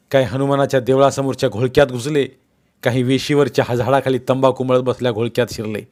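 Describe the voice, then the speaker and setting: A man narrating a story aloud in an expressive, measured reading style. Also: mid-range voice. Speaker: audiobook narrator.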